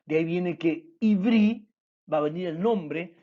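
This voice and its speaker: A man teaching a recorded online church class, explaining slowly and repeating key words. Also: sits high, slight background noise. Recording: dull lo-fi recording.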